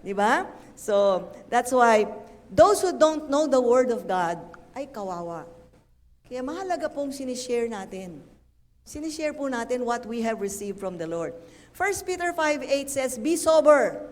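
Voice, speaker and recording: A woman pastor preaching a lively, playful sermon, slipping English phrases into her talk. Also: fairly high pitch, a little slow. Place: church hall. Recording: echoey church hall.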